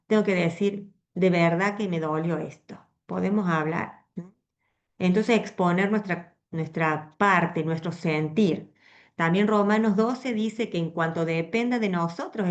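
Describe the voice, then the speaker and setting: A woman with a Rioplatense Spanish accent giving a conversational, expressive Bible talk to a women's meeting, often checking in with her listeners. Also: mid-range voice, dull audio. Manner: conversational, frequent tag questions, expressive. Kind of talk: Bible teaching to a women's group.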